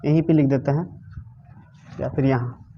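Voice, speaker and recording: A man's voice: medium pitch, fairly even intonation, moderate pace, slightly rough. A male teacher giving a grammar lesson, asking his class questions and answering them himself, repeating the key words. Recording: dull lo-fi recording.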